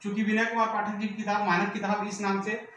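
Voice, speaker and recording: In a very echoey room with faint background noise and the microphone some distance away, a teacher runs an exam-prep vocabulary lesson. His voice is high, fairly bright and flatly delivered. He asks a quick rhetorical question before repeating each term, then checks for understanding.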